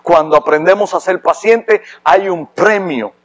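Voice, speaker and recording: A man from Rico, preaching a sermon with impassioned, emphatic delivery that rises to loud preaching. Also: high-pitched, measured pace, low-quality recording. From Puerto Rico. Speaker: pastor.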